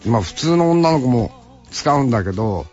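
A man from Hokkaido, a musician, rambling casually on the radio with rough, folksy speech. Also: mid-range voice, very animated, moderate pace, a little mellow, highs cut off, soft background music. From Hokkaido, Japan. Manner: rambling, folksy, drops rough sentence-final particles. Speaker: musician talking after concerts.

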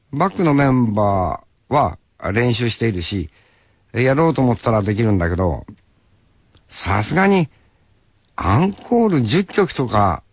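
A man from Hokkaido, a musician, rambling casually on the radio with rough, folksy speech. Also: mid-range voice, dry recording, lo-fi sound. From Hokkaido, Japan. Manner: rambling, folksy, drops rough sentence-final particles. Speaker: musician talking after concerts.

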